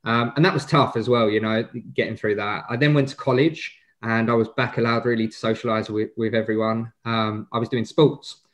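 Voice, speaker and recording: A man's voice: medium pitch, fairly even intonation, brisk, hardly any pauses. A man in his twenties with an Essex accent, giving casual, informal interview answers as a guest, often hesitating and rephrasing. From Essex, England. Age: 20s. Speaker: podcast guest, wealth manager.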